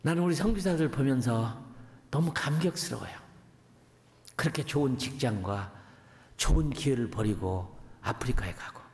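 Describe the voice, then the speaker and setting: A man's voice: mid-range voice, moderate pace, pauses often. A middle-aged man, a missionary preacher, telling family stories in a folksy, anecdotal sermon. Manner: folksy, anecdotal, animated storytelling. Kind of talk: storytelling sermon. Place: church sanctuary. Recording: echoey church hall with long reverb.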